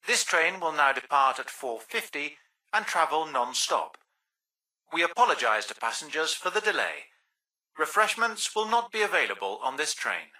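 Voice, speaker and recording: A man's voice: a little high, bright, forceful tone, recorded from a distance, exaggerated voice, poor audio. A man playing a railway station announcer, reading a formal train station announcement about platforms and delays. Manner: formal, measured public announcement delivery.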